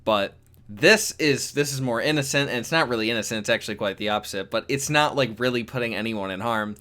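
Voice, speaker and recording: A young man chatting casually in a solo manga review, rambling with many restarts and growing excitable. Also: mid-range voice, quick pace. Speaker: YouTube manga commentator.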